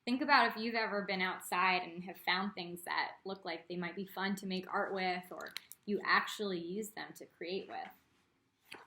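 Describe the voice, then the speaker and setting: Here a woman with a lowish voice reads a children's picture book at a moderate pace, playing an art teacher. She reads expressively and breaks off now and then to address the young audience directly with teaching remarks.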